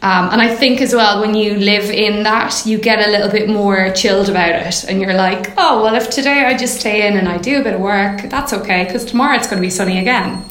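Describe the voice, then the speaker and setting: A woman's voice: medium pitch, brisk, hardly any pauses, a bit bright. A woman from Mayo with a west of Ireland accent, chatting casually and acting out imagined remarks as she tells anecdotes. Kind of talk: casual chat. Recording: roomy, echoing sound.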